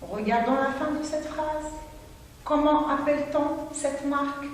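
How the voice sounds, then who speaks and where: A high-voiced woman teaching a children's lesson, speaking slowly and clearly and praising her pupils. Her voice comes from some distance in a very echoey hall with a long reverb. A faint hiss sits under the recording. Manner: slow, clear and encouraging, reading example sentences aloud. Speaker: French teacher. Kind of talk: slow classroom lesson for children.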